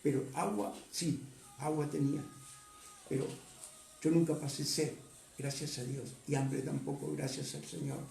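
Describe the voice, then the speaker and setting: A man, a pastor preaching a sermon, reading scripture slowly and then urging his congregation with rising force. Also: a little high, fairly even intonation, vocal fry, a little mellow, echoey room.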